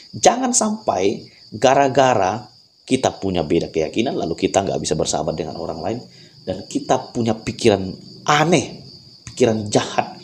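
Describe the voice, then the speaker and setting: A man giving spoken commentary on a clip in a measured, preaching tone with drawn-out pauses. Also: fairly low pitch, darkish tone, a little hiss or hum. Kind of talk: reaction commentary.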